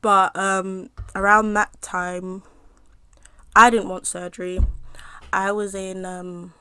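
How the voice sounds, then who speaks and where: A young woman chats casually between bites, her voice at a middling pitch. She rambles with plenty of fillers, drifting off and picking the story back up. The sound is dry and close, with no room around her. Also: flat delivery, sharp tone, clean tone, no room sound. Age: young adult. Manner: chatty, rambling with many fillers, pauses to eat. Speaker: mukbang vlogger. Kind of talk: casual storytime while eating.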